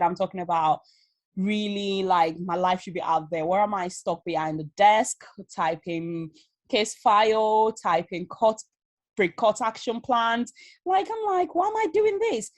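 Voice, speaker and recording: In a casual video-call interview, a Leeds woman in her thirties, an Amazon seller appearing as a guest, tells her story. Her Yorkshire accent carries Nigerian touches, her voice is medium-pitched, and the recording is dry. She is animated, laughs often, and uses plenty of fillers.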